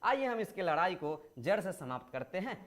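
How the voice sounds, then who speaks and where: A man with a high-pitched voice teaches a grammar class to school students. He explains step by step, poses questions and answers them himself. He stretches words out to show how long each vowel sound is. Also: very animated, brisk, fairly bright tone. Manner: explains patiently, asks and answers his own questions.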